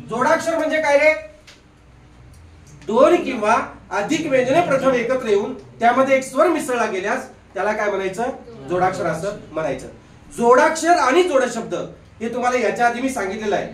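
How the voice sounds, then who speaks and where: A male grammar teacher giving a live classroom lesson, quizzing his students with quick questions and repeating "look here". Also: sits high, a little hiss or hum. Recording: echoey room from a distant mic.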